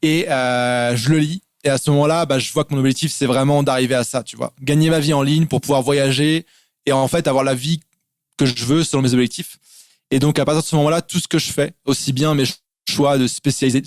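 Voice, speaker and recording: The guest is a Frenchman with a medium-pitched voice, chatting in a casual interview over a call. He tends to explain in lists and fills his speech with fillers, and the sound is clean studio audio with no room sound.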